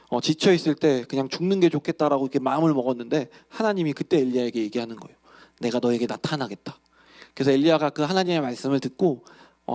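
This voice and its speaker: A young man, a youth pastor, telling a Bible story in a lively sermon and acting out the characters' lines. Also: a little high.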